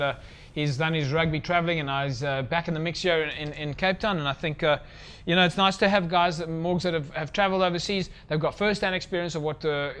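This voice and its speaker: Male host, fast and chatty, slightly high, clean voice. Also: fairly bright tone, clear, resonant tone. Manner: chatty, loose, many fillers. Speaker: TV rugby show host. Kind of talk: presenting between segments.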